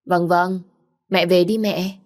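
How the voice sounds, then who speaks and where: A woman's voice: on the low side, flat delivery, slow. A woman voicing a pampered, fragile young woman who whimpers and pleads. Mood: coaxing.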